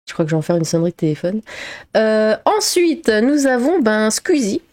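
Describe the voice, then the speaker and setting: Mellow-voiced French woman streamer. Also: on the high side, sing-song, normal speed, slight background noise. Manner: frequent 'euh' fillers, laughs between sarcastic remarks. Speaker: streamer commenting on news. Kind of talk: casual commentary and reading out comments.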